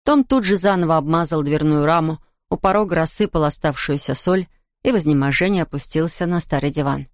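Calm woman narrating a storybook, dry. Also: low voice, a little fast, dry recording. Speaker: audiobook narrator. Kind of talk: scripted narration.

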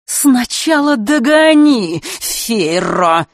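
A woman voicing a villainous female clockmaker who taunts and shouts in a high, strained voice. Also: sing-song, extremely slow, dry recording, studio quality, full character voice. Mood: mocking. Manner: taunting, shouting, sing-song.

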